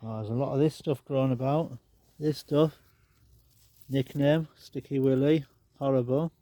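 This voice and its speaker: A man's voice: mid-range voice, normal speed, no echo. A man with a stuffed-up, nasal voice, chatting casually as he walks around his garden, filming on a handheld phone. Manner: chatty, rambling, relaxed asides. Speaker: garden vlogger. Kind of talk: casual walk-and-talk. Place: outdoor garden.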